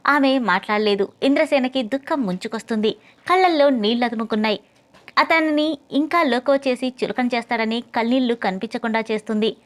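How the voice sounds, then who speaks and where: A woman narrating an audio novel in a steady, expressive reading voice. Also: fairly high pitch, a little fast.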